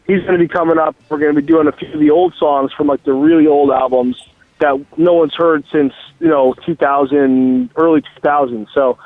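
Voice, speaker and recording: A man with a fairly high, steady voice speaks at a moderate pace, calling in on his car speakerphone while driving, with no room sound. He's a musician guest in a casual phone interview, rambling loosely and profanely with plenty of fillers. The line sounds tinny and dry.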